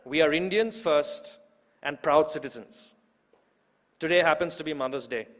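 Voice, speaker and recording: Man, 20s, emphatic public speaker with a slightly high voice, recorded with long reverb in a large hall. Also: moderate pace, a bit bright. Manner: rousing, emphatic, with rhetorical repetition. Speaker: youth organizer introducing the main speaker. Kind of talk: public speech at a political event.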